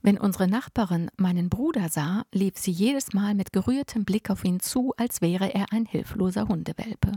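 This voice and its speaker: Woman narrator, first-person audiobook, expressive, close dry sound. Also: medium pitch, normal speed, hardly any pauses, husky, no room sound. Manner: lively, expressive reading.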